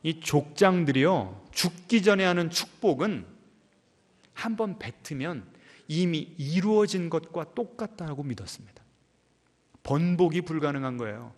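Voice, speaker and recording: Male pastor with a fairly high voice, acts out the scripture characters' lines, keeps questioning the congregation; long church reverb. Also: a little slow. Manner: animated preaching that acts out the story characters' lines; asks the congregation frequent questions. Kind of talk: sermon. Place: church sanctuary.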